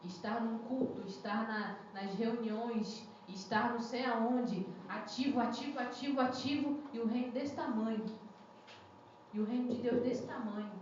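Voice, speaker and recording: A woman's voice: on the high side, normal speed, a little mellow, a little hiss or hum. Young woman preaching in an echoey church. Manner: conversational, asks the congregation questions. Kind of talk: sermon. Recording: echoey church hall, muffled lo-fi sound.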